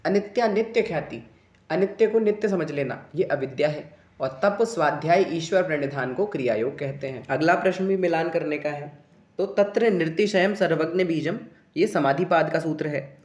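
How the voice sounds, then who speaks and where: A man's voice: on the high side, moderate pace, darkish tone, reverberant. A man teaching an exam answer-key lesson, chanting Sanskrit sutras in a recitation cadence and urging students in a coaxing teacher's tone. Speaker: yoga exam tutor.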